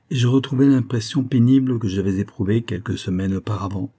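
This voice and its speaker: A man reading an audiobook in a measured, steady way. His voice sits low and slightly husky, with a dark, mellow tone. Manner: measured storytelling. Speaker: narrator.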